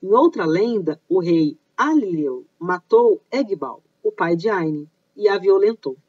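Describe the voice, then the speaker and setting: A woman's voice: medium pitch, animated, a little slow, mellow, dry recording, dull audio. A woman with a Brazilian accent hosting an informal explanatory video, chatty, stopping to explain and correct herself. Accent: Brazilian Portuguese. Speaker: host of a pagan culture channel.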